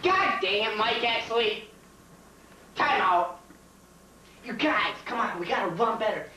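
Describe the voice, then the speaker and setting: A man's voice: high-pitched, lively intonation, unhurried, bright, forceful tone, full character voice. A young man doing a comic teacher impression of a petty, self-important, repetitive basketball coach. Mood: frustrated, urgent. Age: young adult. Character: boastful, petty male high school basketball coach. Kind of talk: teacher impression, comedy skit. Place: home kitchen. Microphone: camcorder across the room. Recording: roomy, distant, hissy home camcorder.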